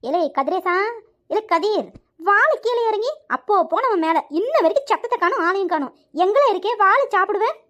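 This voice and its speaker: Lady voicing a nagging cartoon mom, very high and super fast. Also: lively intonation. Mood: scolding. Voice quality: shrill, fast scolding. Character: scolding middle-aged village mother. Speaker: cartoon voice actor.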